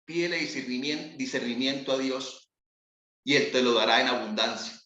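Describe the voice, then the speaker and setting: A man preaching a sermon as pastor, slow and solemn with long pauses. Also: mid-range voice, steady tone, pushed and bright, echoey room, dull audio. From Colombia.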